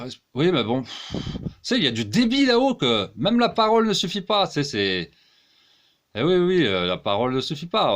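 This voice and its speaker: A man's voice: a little high, fairly bright tone. A man delivering a rambling, crude comic monologue as a one-man-show performer, full of exclamations.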